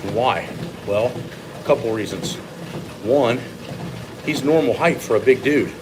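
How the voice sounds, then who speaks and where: Blunt man talking over clear background noise. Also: mid-range voice, a little slow. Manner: blunt, opinionated, occasional swearing. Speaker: strength coach and former competitive lifter. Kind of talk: casual off-the-cuff training monologue.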